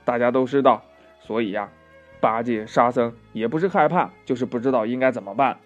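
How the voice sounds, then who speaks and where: A man narrating a children's classic tale, gentle and chatty, with asides to his young listeners. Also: medium pitch, brisk, lo-fi sound, soft background music. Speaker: storyteller.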